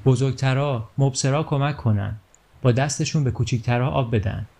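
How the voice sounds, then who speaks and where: A man's voice: medium pitch, vocal fry, dark tone. A man reading a storybook aloud, voicing a firm but caring village schoolteacher giving orders to his pupils. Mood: instructing. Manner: firm, instructing.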